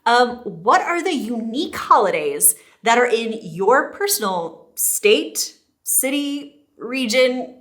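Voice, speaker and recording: A woman's voice: medium pitch, fairly bright tone. Giggly woman vlogger. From United States. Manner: giggly, playful, rambling. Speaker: co-host of a couple's vlog. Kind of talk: casual vlog chat.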